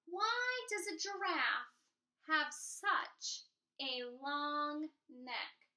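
A woman's voice: sits high, drawn-out words, sharp tone, exaggerated voice. A woman voicing an eager, polite young schoolboy in a storybook read-aloud. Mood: earnest.

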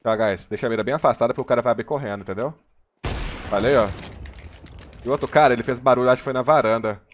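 A Brazilian man streams a shooter, rattling off slangy, excited play calls at a rapid clip. His voice sits at a middling pitch, with a faint hiss of background noise under it. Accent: Brazilian Portuguese. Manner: hyped, slangy banter, calling plays. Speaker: gaming streamer. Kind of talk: live gameplay commentary with teammates.

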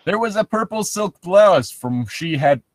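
A man casually bantering and reading a story aloud, sardonic and quick to swear. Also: high voice, lively intonation, dry recording.

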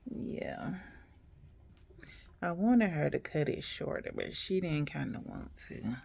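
A woman's voice: sits low, animated, takes it slowly, vocal fry, darkish tone. A woman, chatting casually to her viewers, laughing often as she talks. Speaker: vlogger, single mother. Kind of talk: casual chat to camera.

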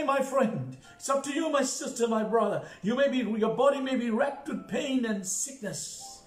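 A male pastor telling a story in a sermon, with dramatic, repeated emphasis. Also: very high voice. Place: church. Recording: echoey church with faint music.

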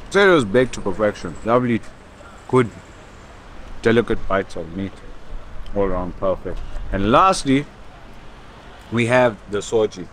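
A man's voice: on the low side, animated, measured pace, long pauses, a bit bright, poor audio. A man, giving a casual food review in short, savouring phrases. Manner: savouring, short appreciative phrases while eating. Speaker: food vlog host. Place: outdoors in a parking lot. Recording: outdoor car park with chatter and traffic.

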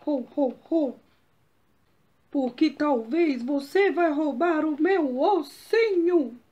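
Woman playing a big booming dog. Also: slow pace, mellow. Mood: gruff. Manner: booming "ho ho" barks. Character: big gruff male dog, barking, then friendly. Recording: dull lo-fi recording.

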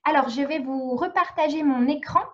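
The recording is muffled as a high-voiced woman from France teaches French live online via video call. She speaks at a moderate pace, explaining patiently and checking often that her students follow.

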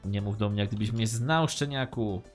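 A man voicing a gruff, suspicious male school security guard who talks with scorn. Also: on the low side, moderate pace, faint music behind, natural voice. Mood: scornful. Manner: scornful, barking.

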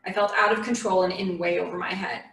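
A woman reading a memoir aloud in a church, in a measured, earnest storytelling voice. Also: fairly low pitch, fairly even intonation, a bit bright. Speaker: memoir reader. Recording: echoey room from a distant mic.

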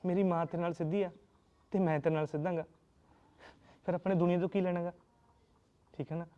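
A man's voice: high-pitched, flat delivery, brisk, phone-quality sound, natural voice. An actor with a Punjabi accent playing a young jobless husband who pleads and reassures his wife in a short film.

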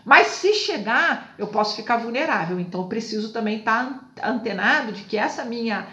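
Woman, fairly high voice, chatty self-help host, tag questions, echoey room. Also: brisk, a bit bright. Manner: chatty, fills lines with tags like "tá?" and "né?". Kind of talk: casual talk on a book chapter.

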